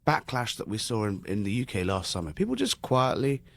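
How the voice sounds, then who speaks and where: A man's voice: fairly low pitch, sing-song, fairly quick, creaky. A man, a newspaper editor, speaking as a guest in a radio interview in an emphatic, exasperated way. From Britain.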